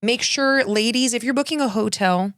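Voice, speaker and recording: In a casual podcast conversation, a woman co-host talks excitedly about travel and food, frequently letting sentences drop and beginning again. Her voice is fairly high and a bit bright at normal speed, recorded clean in a studio with no echo.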